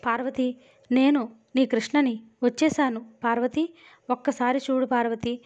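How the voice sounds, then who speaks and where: Woman reading an intense, vengeful young hero, storybook style, a bit high, lo-fi audio. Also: steady tone, moderate pace, a little mellow, lightly acted. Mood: pleading. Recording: dull lo-fi audio.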